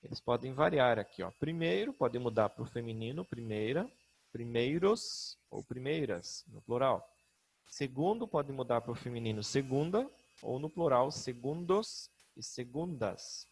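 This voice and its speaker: A man's voice: medium pitch, lively intonation, measured pace, gravelly, husky. A middle-aged man with a Brazilian Portuguese accent teaching a grammar lesson, patient, often checking in with his students.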